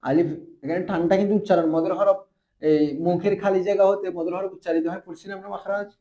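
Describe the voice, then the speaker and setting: Warm and steady in tone, the man's voice sits high as he moves quickly through an Arabic grammar lesson at a madrasa. Constant rhetorical questions keep his students on their toes.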